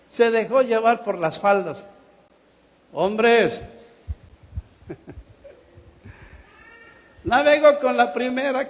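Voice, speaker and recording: A man preaching a sermon in a church hall, acting out the quotes he tells and laughing now and then. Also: extremely high pitch. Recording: long hall reverb.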